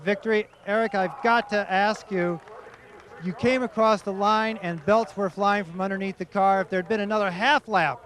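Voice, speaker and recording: A man's voice: sits high, fairly even intonation, moderate pace, fairly bright tone. A man reporting from victory lane, asking enthusiastic questions outdoors at a racetrack. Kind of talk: post-race interview.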